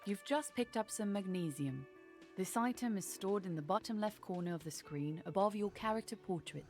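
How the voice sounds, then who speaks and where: A woman voicing a calm, helpful game tutorial voice with a plain instructional delivery. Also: medium pitch, moderate pace, natural voice. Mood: instructive. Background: faint game music.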